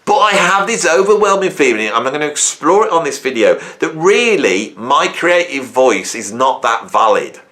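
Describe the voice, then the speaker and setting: He is in his fifties and hosts a YouTube music channel, speaking reflectively and solo to the camera with plenty of rambling, self-questioning, and "right?" tags. His voice is on the high side, very animated, and fairly bright, moving at a normal speed with few pauses.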